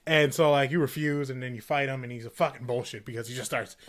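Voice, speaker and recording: A man's voice: mid-range voice, fairly even intonation, fast, a bit bright. A young man casually chatting as a podcast co-host, rambling with lots of fillers and breaking into silly voices. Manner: rambling, filler-heavy, acts out game characters in silly voices. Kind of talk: casual chat.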